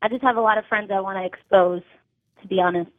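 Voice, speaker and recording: Young woman from Connecticut, excited phone-in caller, rambling with fillers, heard over a tinny phone line. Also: medium pitch, fast. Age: 20s. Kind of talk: casual call-in question.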